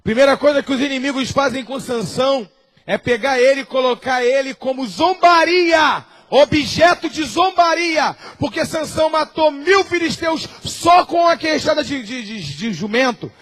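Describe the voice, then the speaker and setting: A man preaching a sermon in a Brazilian Portuguese accent, switching between quiet asides and shouted, acted-out quotes. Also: very high voice, expressive, moderate pace. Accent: Brazilian Portuguese, Rio de Janeiro area. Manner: impassioned preacher, acts out quoted voices and shouts. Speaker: apostle preaching.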